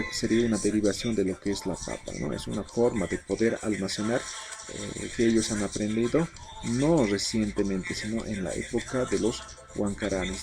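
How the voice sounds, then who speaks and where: A man's voice: vocal fry, rough recording. A man from Bolivia teaching an Aymara vocabulary lesson, patiently saying each word, often checking in with "¿no?" and "¿ya?". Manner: says Aymara words louder and higher, then the Spanish meaning.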